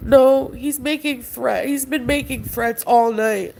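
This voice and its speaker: A woman's voice: fairly high pitch, slow pace, vocal fry, darkish tone, slight background noise, poor audio. A woman on a livestream ranting in an agitated way, arguing with someone offscreen and talking to her chat. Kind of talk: emotional livestream rant.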